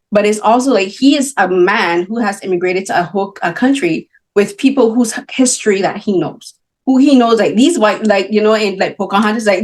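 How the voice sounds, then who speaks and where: A woman interviewing filmmakers, talking in a lively way and sometimes acting out what others say. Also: mid-range voice. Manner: animated, often acting out the voices of others. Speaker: magazine interviewer. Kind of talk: casual interview talk. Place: film festival interview.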